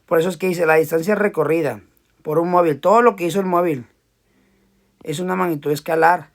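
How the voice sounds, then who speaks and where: Casual, higher-pitched male teacher. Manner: casual, repeats words while drawing. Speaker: physics teacher. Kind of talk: casual classroom lecture.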